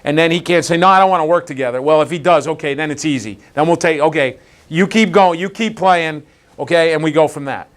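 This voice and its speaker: A man's voice: fairly high pitch, fairly quick. A man teaching an umpire clinic in a meeting room, questioning the group and acting out how to talk to players. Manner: Socratic, keeps asking the group questions; animated, acts out exchanges with players. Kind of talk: interactive teaching session.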